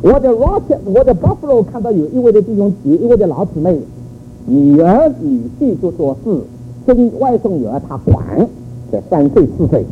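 A man's voice: high voice, big pitch swings, normal speed. An older man giving a church sermon on raising children, telling stories animatedly and tossing in rhetorical questions. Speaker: church speaker. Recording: phone-like narrow audio with faint noise.

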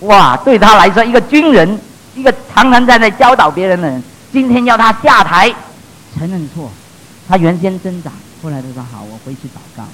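A middle-aged male pastor delivering a sermon in a high voice. He tells stories from his counseling work, pushing some lines out with force and dropping others to a near hush. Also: animated, fairly quick, rough recording. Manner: storytelling, swings between loud emphasis and hushed asides.

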